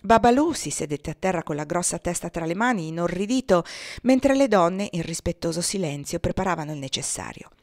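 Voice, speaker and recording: A woman's voice: on the low side, animated, brisk, darkish tone, no room sound, clean studio sound. A woman narrating a novel as an audiobook, reading expressively and dramatically. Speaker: audiobook reader.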